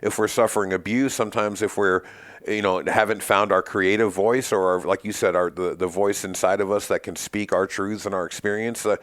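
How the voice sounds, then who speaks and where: Male podcast host, low voice, reflective and easygoing, dry close sound. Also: steady tone, a little fast, fairly bright tone, dry recording. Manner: reflective, laughs often, thinks aloud. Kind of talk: conversational interview.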